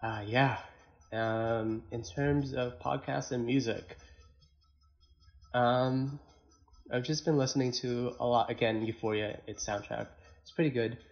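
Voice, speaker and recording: A man chatting casually on a podcast in a laid-back, slangy way, often halting and repeating words. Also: mid-range voice, fairly even intonation, gravelly, lo-fi sound. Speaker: podcast co-host or guest. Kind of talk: casual chat.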